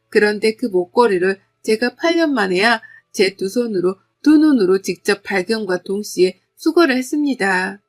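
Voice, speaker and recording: Woman, middle-aged, first-person story narration, steady confessional tone, mid pitch.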